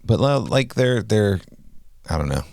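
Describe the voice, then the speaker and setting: Podcast co-host, man, 40s; low gravelly voice, halting and searching for words, dry close sound. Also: sing-song, a little mellow, no room sound. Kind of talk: casual podcast chat.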